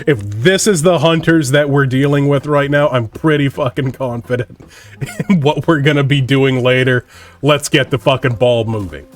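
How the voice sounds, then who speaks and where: Animated, swearing male streamer. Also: fairly high pitch. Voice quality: animated, profane, rambling, acts out dialogue. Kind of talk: casual storytelling while gaming. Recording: music playing under the voice.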